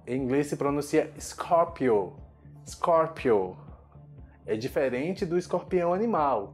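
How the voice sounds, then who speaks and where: Give me a man, a bit high-pitched, carefully pronouncing English words in a lesson. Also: darkish tone. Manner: slow, careful modeling of English pronunciation. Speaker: English teacher. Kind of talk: video language lesson.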